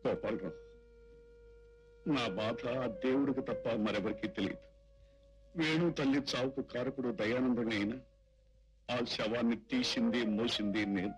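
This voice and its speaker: A man's voice: mid-range voice, normal speed, long pauses, close to an everyday voice, poor audio. A man playing a troubled grave father. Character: worried middle-aged father, troubled and grave. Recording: film soundtrack with loud background music.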